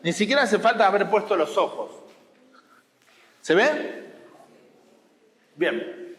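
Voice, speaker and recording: A man's voice: high voice, very animated, slow, a bit bright. Rioplatense man teaching in a hall. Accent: Rioplatense Spanish. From Argentina. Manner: explanatory, teasing, checks understanding. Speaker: watercolor teacher. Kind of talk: masterclass to students. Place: school hall.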